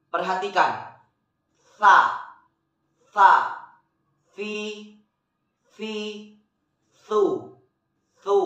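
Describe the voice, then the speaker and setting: Slow patient man teaching, echoey room. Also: sits high, a bit bright. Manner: slow, patient, drills syllables with rising sung tones. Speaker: Quran recitation teacher. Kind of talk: step-by-step pronunciation lesson.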